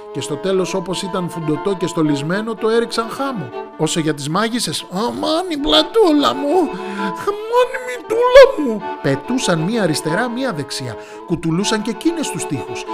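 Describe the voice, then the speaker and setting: Man reading a fairy tale aloud. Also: high voice. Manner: lively, expressive reading. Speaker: storyteller. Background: soft music.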